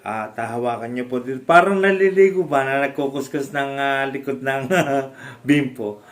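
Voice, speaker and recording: Halting, chuckling Filipino man. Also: mid-range voice. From Philippines. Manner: halting speech with frequent fillers and restarts; laughs often while explaining. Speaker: stroke survivor sharing home exercises. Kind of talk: casual instructional vlog.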